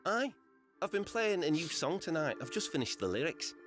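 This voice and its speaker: An actor playing a friendly, easy-going travelling musician in a game. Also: male voice, a little high, very animated, moderate pace, fairly bright tone. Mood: easygoing. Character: friendly travelling musician man, young adult. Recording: game audio over music.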